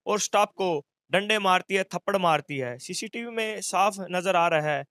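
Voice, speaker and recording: Male news reporter, high voice, probing questions, dry sound. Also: moderate pace, a bit bright, no room sound. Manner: probing, asks short pointed questions. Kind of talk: news interview.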